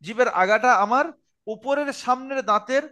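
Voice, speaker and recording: High, bright-voiced patient male teacher. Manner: slow, patient, repeats and drills letter sounds. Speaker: Arabic pronunciation teacher. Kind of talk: online Quran-reading lesson. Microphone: group video call.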